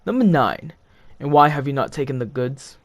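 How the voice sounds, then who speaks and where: A stern, portly railway boss, as a reader puts him on, formal and clipped like he is addressing a room. The voice stays close to the reader's own middle pitch, recorded dry and close. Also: expressive, moderate pace, no room sound, close to an everyday voice.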